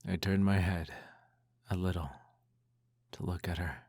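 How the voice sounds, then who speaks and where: A man in an ASMR role-play reads a bedtime story aloud in a soft, intimate, hushed voice that slips into speaks softly. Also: sits low, fairly even intonation, a little slow, husky, no room sound, clean studio sound.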